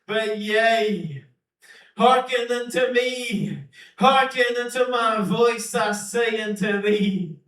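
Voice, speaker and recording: Heard from far off in an echoey room, a male preacher delivers a prophecy in archaic King James phrasing, chanting and repeating himself as he breaks into tongues. His voice is extremely high, slow, and a bit bright.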